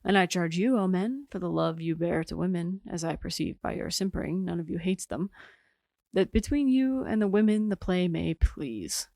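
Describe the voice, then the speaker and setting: A woman's voice: fairly low pitch, animated, moderate pace, gravelly, mellow, no echo, clean studio sound. A woman reciting a witty young epilogue speaker. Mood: playful. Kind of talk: Shakespeare recitation.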